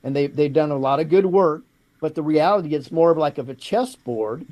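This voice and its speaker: Guy hosting a talk show, kinda high mellow voice, keeps asking the audience questions. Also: fairly quick. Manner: addresses the audience directly with rhetorical questions. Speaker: host.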